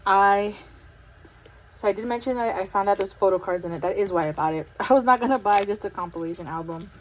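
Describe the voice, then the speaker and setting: A woman's voice: mid-range voice, a little fast, rough recording. Breathless chatty young woman vlogging. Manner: chatty, excited, many fillers and laughs. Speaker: vlogger unboxing an album. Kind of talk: casual chat.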